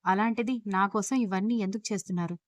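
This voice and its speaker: A woman's voice: mid-range voice, fast talker, dry recording, lightly acted. A woman voicing a playful chatty young wife.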